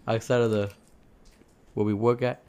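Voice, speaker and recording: A podcast co-host with a lowish voice tells a story at a moderate pace in a casual chat. He acts out the quotes, laughs often and narrates with energy, and his tone is clean.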